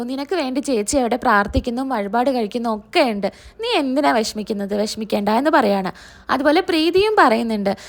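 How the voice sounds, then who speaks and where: A woman narrating a recap of a TV serial episode, retelling each character's lines in her own voice. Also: sits high. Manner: narrates and voices all characters' quotes herself.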